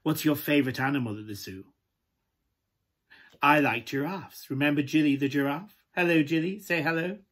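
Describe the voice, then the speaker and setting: A man performing a glamorous, camp pantomime dame with a British accent and a husky, breathy voice, coaxing listeners through a children's story. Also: on the high side, moderate pace, fairly bright tone. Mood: cosy, playful. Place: small room at home, indoors.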